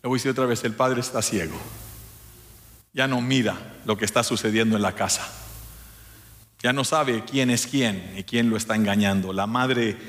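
A man's voice: mid-range voice, steady tone, moderate pace, a bit bright. Emphatic preaching pastor, man. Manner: emphatic preaching, addresses the congregation; drops English words into Spanish. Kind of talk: sermon.

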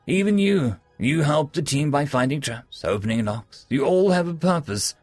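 A man voicing a curious, probing woman innkeeper in a story, asking in an inquisitive, halting way. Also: on the high side, animated, darkish tone, dry recording, faint music behind, voice pushed up. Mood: probing, puzzled.

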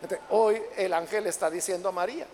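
A man preaching a Bible study sermon, who reads the verses slowly and with force, then explains them in a conversational way and calls his listeners brothers. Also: sits high, darkish tone. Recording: long hall reverb.

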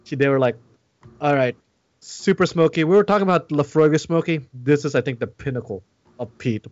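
A man's voice: a little high, expressive, quick pace, a little mellow, dry recording, lo-fi sound. A man co-hosting a podcast in casual chat, rambling with many restarts and fillers. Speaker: podcast co-host.

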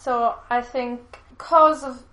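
A woman co-hosting a casual podcast chat, talkative and quick to laugh. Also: on the high side, steady tone, a bit bright. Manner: chatty, laughs often. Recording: echoey room.

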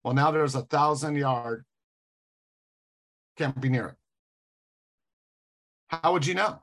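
A man's voice: mid-range voice, takes it slowly, a bit bright. Man, casual chat, explaining, sarcastic edge.

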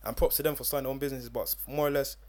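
Earnest young man, quick casual talk. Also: medium pitch, fairly even intonation, a little mellow. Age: young adult. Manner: earnest, explains with "for example" and "at the end of the day". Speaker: guest. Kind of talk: casual chat.

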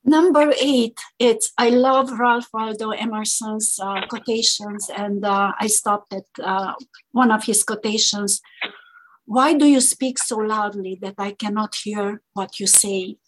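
A woman co-hosting a podcast in casual chat, speaking haltingly with frequent fillers and restarts. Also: mid-range voice, steady tone, slight background noise, rough recording. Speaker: podcast co-host.

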